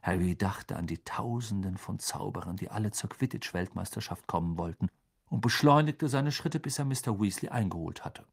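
A man narrating a story in an expressive storytelling voice. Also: on the low side, normal speed, creaky, breathy edge. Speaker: audiobook narrator. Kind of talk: scripted narration.

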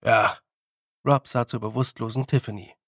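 Calm, dry-voiced male narrator. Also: mid-range voice, normal speed, no echo. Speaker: audiobook narrator. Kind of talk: scripted narration.

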